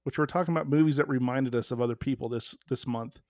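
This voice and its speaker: A man's voice: mid-range voice, steady tone, fast talker, darkish tone, dry recording, studio quality. Easygoing male podcast host. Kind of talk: casual chat.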